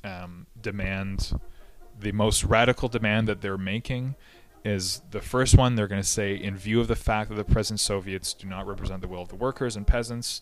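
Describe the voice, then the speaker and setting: With a very low voice, a history podcast host gives a casual, explanatory talk on the past, speaking conversationally and often using fillers and restarting his sentences.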